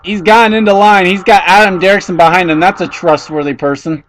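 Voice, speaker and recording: A man giving excitable play-by-play commentary on a race, his voice jumping high and loud whenever cars tangle. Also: brisk, rough recording.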